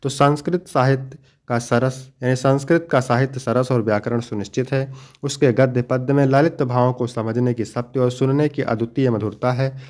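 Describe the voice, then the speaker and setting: A man's voice: mid-range voice, steady tone, normal speed, a little mellow. Man teaching an exam walkthrough. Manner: explains each question and answer step by step, addressing students fondly. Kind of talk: exam paper walkthrough lesson.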